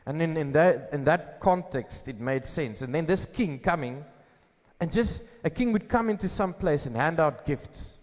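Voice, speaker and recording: A pastor preaching a sermon at a pulpit microphone, asking questions and answering them himself with emphasis. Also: male voice, on the high side, lively intonation, moderate pace. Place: church hall. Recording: long hall reverb.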